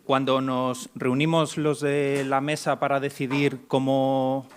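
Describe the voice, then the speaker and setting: A man's voice: mid-range voice, little pitch movement, slow pace, a little hiss or hum. A man from Mexico moderating a medical conference panel, introducing speakers with frequent restarts and hesitations. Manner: hesitant, many restarts and fillers. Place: conference hall.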